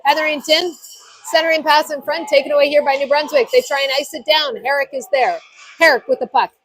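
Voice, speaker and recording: High-voiced woman calling hockey play-by-play. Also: steady tone, a little fast, a bit bright, slight background noise, rough recording. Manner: short clipped play-by-play phrases. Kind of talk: live sports commentary.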